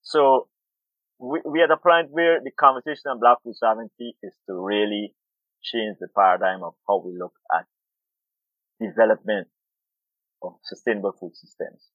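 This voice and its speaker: With a fairly low pitch, a moderate pace and long pauses, a middle-aged man from Guyana discusses farming as an interview guest. An urban farmer and food activist, he's thoughtful and repeats words as he reaches for them. No room sound is heard on the tinny, phone-like line.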